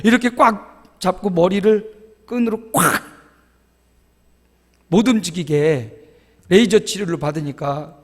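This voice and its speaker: A male pastor preaching a sermon in a church, telling stories in an animated way and acting out groans and quotes. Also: high voice, measured pace, long pauses, long reverb tail. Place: church sanctuary.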